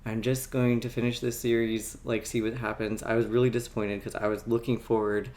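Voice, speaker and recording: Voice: mid-range voice, little pitch movement, a little fast, darkish tone. Chatty, self-mocking author telling a storytime. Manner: chatty and self-mocking, laughs often, acts out its own past thoughts. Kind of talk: casual storytime vlog.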